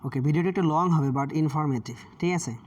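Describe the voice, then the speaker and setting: A man with a Bangladeshi accent teaching English grammar over a screen share, often checking in with his listeners and reading English examples slowly. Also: on the high side, a little mellow. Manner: explanatory, frequent "ঠিক আছে?" check-ins, reads English examples slowly.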